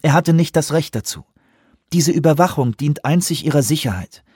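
A man voicing a controlled, insistent female commanding officer in a dry, husky-toned audiobook reading. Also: a little high, lively intonation, a little mellow, dry recording, voice pushed up. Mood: urgent. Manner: insistent, measured pleading.

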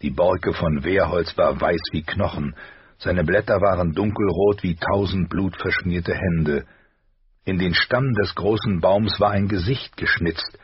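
Give me a very husky, deep male audiobook narrator with a dry, dull sound. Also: no room sound. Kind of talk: scripted narration.

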